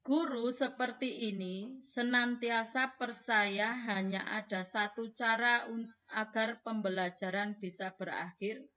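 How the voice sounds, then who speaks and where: A woman teacher giving a scripted lesson, speaking in a measured way and addressing her audience formally. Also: medium pitch, fairly bright tone, lo-fi sound.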